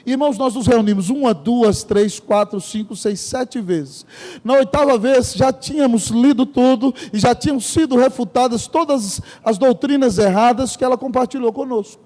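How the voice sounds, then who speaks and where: Very high-voiced male pastor preaching. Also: moderate pace, warm tone. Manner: emphatic storytelling, often addressing the congregation directly. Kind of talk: sermon. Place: church sanctuary. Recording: long church hall reverb.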